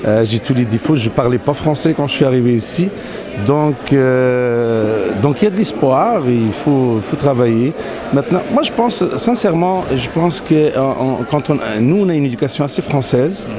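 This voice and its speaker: A man's voice: mid-range voice, animated, moderate pace. Moroccan man, hesitant, crowd noise behind. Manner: hesitant, many fillers and restarts. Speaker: interviewee, company CEO. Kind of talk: casual interview conversation. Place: outdoors in a city.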